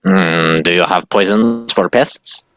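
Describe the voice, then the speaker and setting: A man's voice: sits low, slow pace, fairly bright tone, clean tone, dry recording. A man voicing a small, sly rat creature that speaks in broken grammar and in the third person. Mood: insistent.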